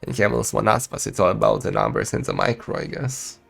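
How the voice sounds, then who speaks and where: Gravelly-voiced male game co-caster. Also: fairly low pitch, brisk, faint music behind. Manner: lively, joking, laughs often. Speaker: tournament co-host and caster. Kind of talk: casual game commentary.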